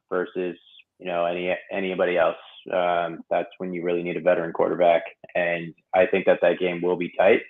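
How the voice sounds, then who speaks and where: A man on a sports podcast panel, talking haltingly with many fillers. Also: sits low. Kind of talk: casual sports chat. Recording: tinny phone-like line.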